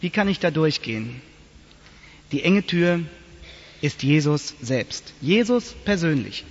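A man preaching a sermon to his congregation in a church, telling stories in a lively, animated way. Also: high-pitched. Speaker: pastor. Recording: dull lo-fi sound, long church reverb.

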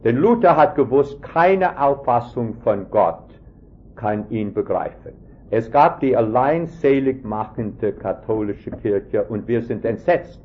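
A man's voice: mid-range voice, lively intonation, slow pace. Emphatic male preacher on a tinny recording. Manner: emphatic, quizzes the audience with rhetorical questions. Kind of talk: sermon to a congregation. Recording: tinny phone-like lo-fi recording, faint hiss.

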